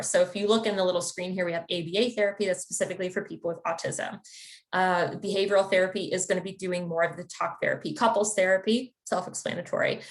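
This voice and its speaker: A woman from the Chicago area, a therapist, giving an informative webinar talk in a conversational, explanatory way. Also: mid-range voice. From Chicago area, United States. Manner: conversational and explanatory, with occasional fillers. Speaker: therapist presenting a wellness webinar.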